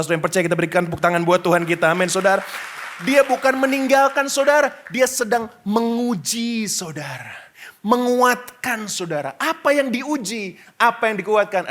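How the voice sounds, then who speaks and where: Male pastor, middle-aged, high-pitched, lively sermon with frequent asides to the congregation. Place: church stage before a congregation.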